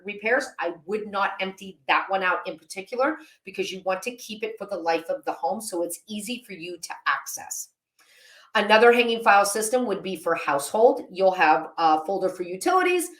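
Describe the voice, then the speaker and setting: A woman's voice: medium pitch, fairly bright tone. A woman hosting a home-organizing channel, explaining her filing system in a chatty, practical way with a little self-mockery. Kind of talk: casual instructional talk to camera. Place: home office. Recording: roomy echo.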